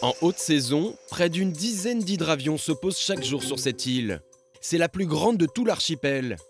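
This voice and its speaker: A man narrating a television documentary report in a measured, scripted voice-over. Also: fairly high pitch, expressive. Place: studio voice-over. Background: music.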